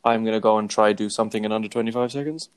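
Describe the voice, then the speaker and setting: A man chatting casually as a podcast co-host, hesitant and joking in a dry, deadpan way. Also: on the low side, very fast, clear, resonant tone. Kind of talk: casual chat.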